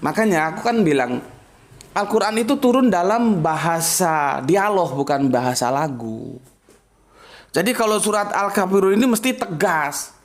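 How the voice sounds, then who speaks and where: Animated male religious teacher. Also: high-pitched, moderate pace. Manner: emphatic, explains with spoken examples and rhetorical questions. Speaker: Islamic teacher. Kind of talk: casual religious lesson.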